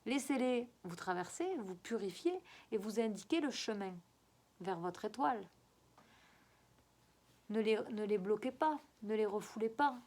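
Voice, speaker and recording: Woman, regional French accent, spiritual guide. Mid-pitched, coaxing, repetitive, halting delivery. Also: lively intonation, darkish tone. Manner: coaxing and repetitive, often halting to search for words. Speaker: spiritual guide giving a card reading. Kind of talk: spoken spiritual guidance.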